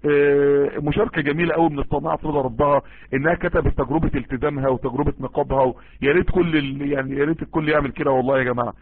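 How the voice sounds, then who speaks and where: An Egyptian man preaches and gives advice in a rapid, husky voice. He sounds earnest and emphatic and often repeats phrases for stress. The sound is thin and tinny, like a phone line. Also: fairly high pitch, fairly even intonation, no room sound. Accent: Egyptian Arabic. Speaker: preacher answering listener messages. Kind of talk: informal Islamic sermon and advice.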